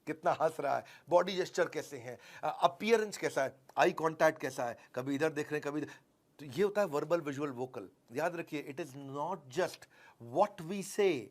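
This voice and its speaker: A man giving a motivational sales seminar, animated and constantly quizzing his audience. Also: on the high side. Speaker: sales trainer.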